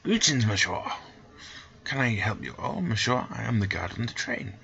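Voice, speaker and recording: A man's voice: lowish voice, expressive, normal speed, vocal fry, pushed and bright, dull audio, voice pushed up, full character voice. A man voicing a polite, stiffly formal male train guard. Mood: formal courteous.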